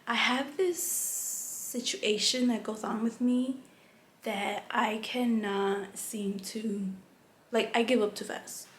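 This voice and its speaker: A woman's voice: a little high, fairly even intonation, takes it slowly. A young adult woman vlogging in a candid, rambling way, full of "like" and restarts. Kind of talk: casual chat. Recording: echoey room, faint background hum.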